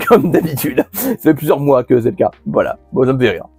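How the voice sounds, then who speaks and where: A man runs through his monthly manga purchases in a relaxed, chatty way, full of fillers and restarts. His pitch moves around a lot. The sound is dry and close, with faint music underneath. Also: brisk, gravelly, slightly rough, no room sound. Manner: chatty, many fillers and restarts, laughs at himself. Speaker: manga channel host. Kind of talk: casual monthly haul video.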